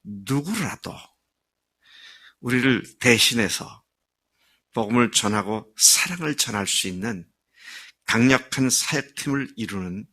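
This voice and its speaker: A middle-aged male pastor delivering an earnest, emphatic sermon, drawing out key phrases and pausing with fillers. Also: mid-range voice, pushed and bright.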